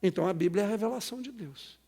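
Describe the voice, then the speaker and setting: Brief: middle-aged Brazilian pastor, high husky voice, lively sermon in a reverberant hall. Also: male voice, racing. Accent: Brazilian Portuguese. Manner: animated preaching with quoted dialogue and call-and-response. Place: church hall.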